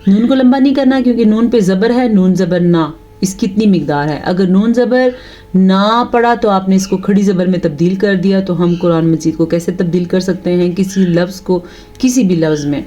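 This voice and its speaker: A woman teaching tajweed, patiently explaining the rules and reciting her examples slowly and drawn out. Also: medium pitch, dark tone, lo-fi sound.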